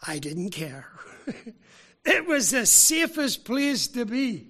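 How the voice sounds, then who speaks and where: A man from Ireland, preaching a sermon with emphatic rhetorical questions and deliberate pauses. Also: very high-pitched, big pitch swings, pushed and bright. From Northern Ireland.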